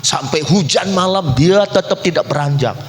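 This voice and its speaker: A man preaching a sermon as pastor, with dramatic leaps to high cries and drops to low, quiet lines. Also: moderate pace. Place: church. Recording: long church hall reverb.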